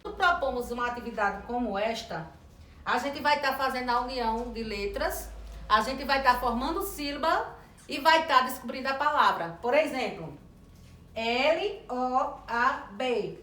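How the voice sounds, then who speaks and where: A woman teacher trainer giving an instructional lesson, slowly sounding out words and letters. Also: high voice, expressive, pushed and bright. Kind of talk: instructional lesson on early literacy. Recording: echoey room.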